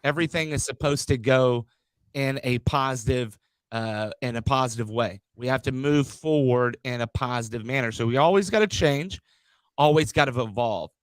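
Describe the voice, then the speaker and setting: A man's voice: medium pitch, moderate pace, no echo, low-quality recording. A man hosting a podcast from a studio, reading out sponsors and introducing a guest in a hyped-up, stumbling way, often repeating his words. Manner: hype-driven, repeats words, stumbles on them. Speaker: podcast host.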